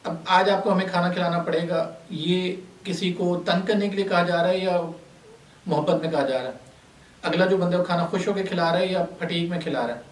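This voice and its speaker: A high-pitched man teaches a workshop class. He explains terms patiently and asks the class questions that he then answers himself. His voice comes from some distance in an echoey room. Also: normal speed. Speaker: lecturer. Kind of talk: classroom lecture.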